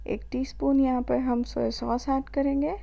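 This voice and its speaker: Indian woman, cooking channel host, high mellow voice, calm step-by-step voice-over. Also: vocal fry. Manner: calm step-by-step instructions with filler pauses.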